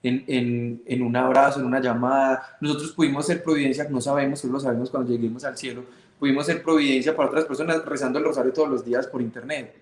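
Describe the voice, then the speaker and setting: A man's voice: mid-range voice, fairly even intonation, quick pace. A man telling his faith testimony with emotion, acting out the dialogue as he goes. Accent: Colombian Spanish. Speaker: guest sharing faith testimony. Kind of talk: personal testimony storytelling. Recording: roomy echo.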